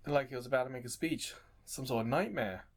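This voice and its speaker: Over game music with mallet percussion, a man hosting a gaming video muses casually through a visual novel let's play, often posing questions. He speaks in a mid-range voice at a fairly quick pace.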